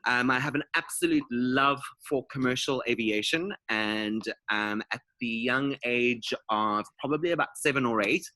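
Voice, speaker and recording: A man's voice: medium pitch, normal speed, hardly any pauses, sharp tone, no room sound. A man from South Africa, a guest speaker giving a conversational career talk with frequent fillers and restarts.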